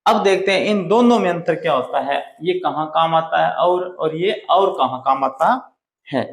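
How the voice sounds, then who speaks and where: A man teaching a Hindi grammar lesson, slowly and deliberately sounding out the vowels for his students. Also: fairly high pitch. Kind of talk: slow blackboard-style grammar lesson. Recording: echoey room.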